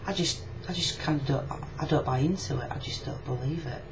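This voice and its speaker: In a personal video reply filmed in a room, a woman with a Yorkshire accent talks in a low-pitched, brisk way. The video blogger is casual, frank and reflective, and her webcam audio is muffled, lo-fi and carries clear background noise.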